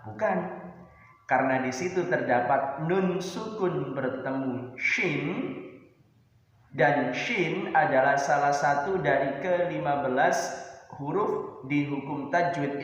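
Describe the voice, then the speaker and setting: Guy teaching, chants verses real slow, voice a bit high, roomy echoey recording. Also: dull audio. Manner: slow, drawn-out explanations with chanted recitation. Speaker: religious education teacher. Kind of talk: online recitation lesson.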